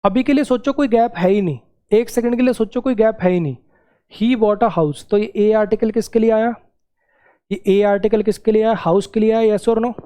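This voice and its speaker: Mellow-voiced man teaching grammar. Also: high-pitched, normal speed. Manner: repeats key words and checks understanding. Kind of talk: classroom lesson.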